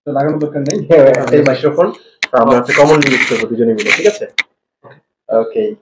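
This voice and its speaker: A Bangladeshi man, an English teacher, testing students' speaking and explaining to viewers, mixing Bengali and English in a calm questioning way. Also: mid-range voice, fast talker, heavy background noise. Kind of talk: oral test and explanation to viewers. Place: classroom. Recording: echoey classroom with faint ambience.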